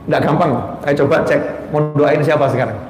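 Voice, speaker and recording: High-voiced male preacher in echoing hall. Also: brisk, music in the background. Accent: Indonesian. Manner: lively, shifts from soft prayerful murmurs to emphatic raised points. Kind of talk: religious lecture. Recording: roomy hall with long reverb.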